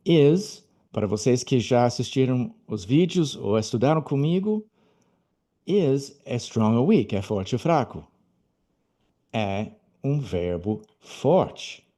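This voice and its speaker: A male English teacher giving a patient, explanatory video lesson, slowing down to model each example phrase. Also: mid-range voice, dark tone.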